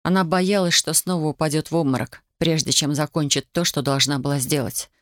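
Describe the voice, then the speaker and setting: An audiobook reader narrating a novel in a measured, even reading. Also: mid-range voice, no echo, studio quality. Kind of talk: scripted literary narration.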